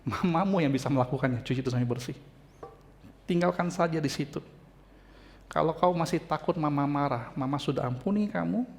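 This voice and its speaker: A preacher putting on a tender mother who speaks softly and low to calm her frightened young child. The voice sits slightly deep for her and stays quiet and reassuring throughout, like a sermon storyteller briefly stepping into her part. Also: fairly quick, gravelly. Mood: gentle. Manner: soft, soothing, reassuring.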